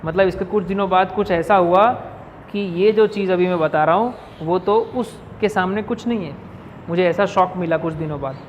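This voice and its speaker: A male teacher explaining an English lesson in Hindi. He reads each English line slowly, then explains it, and often checks in with his class. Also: high-pitched, highs cut off. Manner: keeps checking in with "ठीक है". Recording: reverberant room with faint noise.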